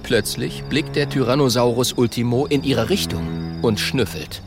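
A man narrating a children's story in an expressive scripted style. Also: mid-range voice, moderate pace, loud music behind the voice.

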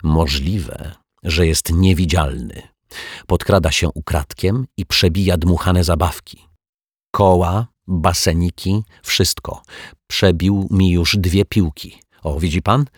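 A man voicing a small, worried boy in a children's story, first whispering anxiously, later shouting. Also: low-pitched, steady tone, takes it slowly, slightly rough, no echo, clean studio sound, heavily acted.

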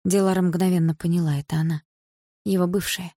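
Woman narrator, expressive storytelling, lowish voice, dry close recording. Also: brisk, dry recording. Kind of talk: audiobook narration.

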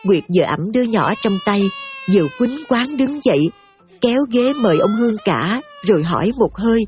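A woman narrating an audio drama in a steady, emotive storytelling manner. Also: medium pitch, normal speed.

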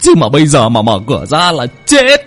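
Man voicing a panicked middle-aged villager, husky, swings from begging to yelling. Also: a little high, huge pitch swings, fairly quick, faint music behind, pitched above the performer's own voice, full character voice. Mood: desperate pleading. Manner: pleading, then shouting in alarm.

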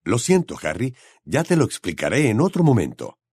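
A man reading an audiobook, voicing a tense middle-aged wizard who speaks with hurried urgency. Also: medium pitch, wildly swooping pitch, a little mellow, husky, no echo, studio quality. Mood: urgent. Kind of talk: audiobook character voice.

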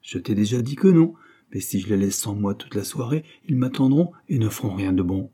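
A man's voice: fairly low pitch, expressive, fairly quick, mellow, husky. A man voicing an earnest, sensitive young male clerk, speaking in a raised, pressing way. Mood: firm.

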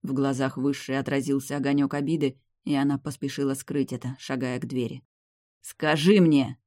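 A man reading a fantasy novel aloud in the first person, with steady storytelling. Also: medium pitch, a little fast, no echo, clean studio sound. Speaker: audiobook reader.

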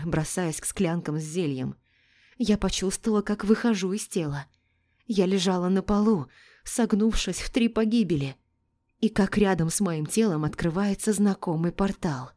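A woman's voice: medium pitch, mellow. A woman reading a dramatic first-person story as narrator.

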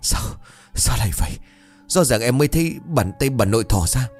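A man's voice: fairly low pitch, brisk, darkish tone, faint music behind, pitched above the performer's own voice, close to an everyday voice. A man voicing a terrified young man who stammers and trembles at a night wake in a ghost story.

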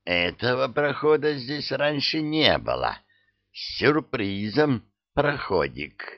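A man's voice: mid-range voice, big pitch swings, slow, no echo, pitched above the performer's own voice. A man voicing a carefree, cocky male labyrinth guide who drawls and teases. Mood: tense. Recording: dull dry studio sound.

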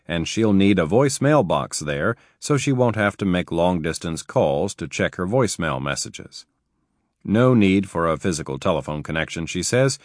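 Deep-voiced, expressive male audiobook narrator. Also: dry recording, studio quality. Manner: expressive, emphatic storytelling.

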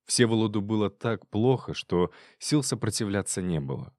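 A man narrating an audiobook in an even storytelling manner. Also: on the low side, normal speed, no echo, clean studio sound. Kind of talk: audiobook reading.

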